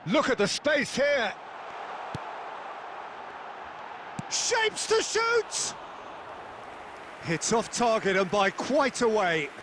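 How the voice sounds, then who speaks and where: An actor playing a football play-by-play commentator in a video game, measured but quick to get excited. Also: male voice, high voice, background noise. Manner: measured, rising to excited calls.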